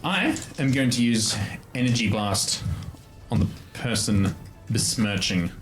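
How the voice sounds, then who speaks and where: A man's voice: lowish voice, lively intonation, a little slow, over music. A man playing a tabletop game, chatting casually and jokily with the group. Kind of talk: casual, jokey game chat.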